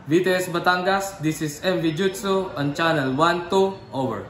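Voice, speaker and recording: A man's voice: a little high, moderate pace, a bit bright. A man speaking as a ship radio operator in formal marine radio procedure, spelling out call signs and digits word by word. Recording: echoey room with background noise.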